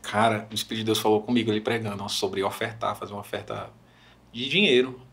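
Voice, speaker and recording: Animated Brazilian man telling a story. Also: on the low side, quick pace, creaky. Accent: Brazilian Portuguese. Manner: animated storyteller, acts out quoted voices. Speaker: podcast guest, worship minister. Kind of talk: casual podcast chat.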